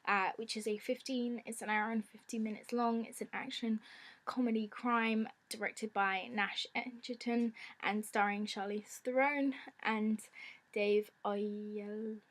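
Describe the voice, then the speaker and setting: Croaky, higher-pitched woman vlogger. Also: fairly even intonation, a little slow. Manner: informal, giggly. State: croaky from a lingering ailment. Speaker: film vlogger. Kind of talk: casual chatty presenting to camera.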